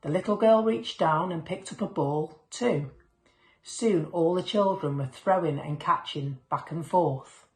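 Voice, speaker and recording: A woman with a fairly low pitch reads aloud from a children's picture book in an unhurried way. Like a storyteller, she expressively performs the dialogue and sound words. The space she's in is echoey.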